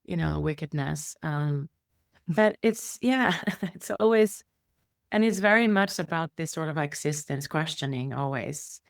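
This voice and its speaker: A middle-aged Icelandic woman, appearing as a guest, tells her life story in a rambling interview, full of fillers and restarts. Her voice is low, gravelly and unhurried. The recording is clean studio sound with no room echo.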